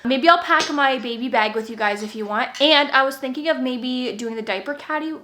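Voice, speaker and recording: A woman's voice: high voice, brisk, bright, forceful tone, a little hiss or hum. A pregnant young woman vlogging from her playroom at home, telling a story in a chatty way and acting out what people said. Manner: chatty storytelling, laughs often, acts out quotes. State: heavily pregnant. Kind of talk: casual chat to camera.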